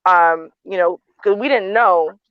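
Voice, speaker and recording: A woman's voice: lowish voice, measured pace. A woman speaking bluntly and frankly in a casual panel discussion, full of "um"s and "like"s. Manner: blunt, frank, frequent fillers. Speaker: panel host. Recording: dry, dull lo-fi audio.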